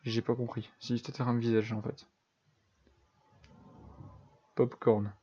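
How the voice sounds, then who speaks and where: A man's voice: medium pitch, level tone, slow, dark tone, breathy edge, highs cut off. A young man giving casual, self-deprecating commentary over a building game, thinking aloud with lots of fillers. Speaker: gaming YouTuber.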